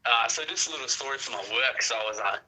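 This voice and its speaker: A man's voice: medium pitch, fast, noisy background. A young Australian man chatting casually and telling slangy anecdotes over an internet phone call. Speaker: caller. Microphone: WhatsApp phone call.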